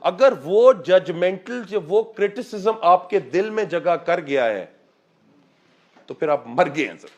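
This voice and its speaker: Animated man coaching public speaking. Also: high voice, slow pace. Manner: animated, mixes Urdu and English, addresses listeners as sir. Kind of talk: motivational talk to a class.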